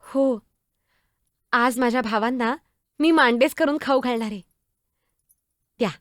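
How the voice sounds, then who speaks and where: A woman performing a one-woman stage drama, playing a spirited young girl saint who is devoted to her brothers, blunt and sharp-tongued, pleading and expressive as she speaks to people who are not there. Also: a little high, unhurried, dry recording, studio quality, lightly acted. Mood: cheerful.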